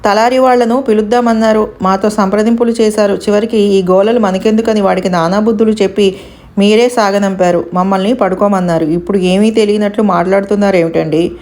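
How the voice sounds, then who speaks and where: A woman's voice: mid-range voice, steady tone, a little fast, a little mellow, natural voice. A woman voicing household servants who speak in an earnest, questioning way. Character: puzzled household servants, plain folk.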